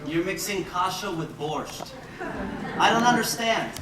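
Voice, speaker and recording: A man plays an animated young man who teases his friends and takes charge, his voice swinging widely. He sounds far off in a reverberant theatre with audience noise around him. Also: high-pitched, measured pace. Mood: puzzled. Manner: animated, teasing, with Yiddish sayings. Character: lively young man, bossy organizer of the group. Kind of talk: musical theatre acting. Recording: distant echoey stage recording with crowd noise.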